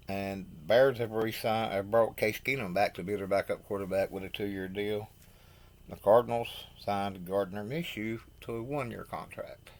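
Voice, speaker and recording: Low-voiced man reading football news. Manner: halting, apologetic, stumbles over names; opinionated asides. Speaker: host. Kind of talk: reading NFL news from notes.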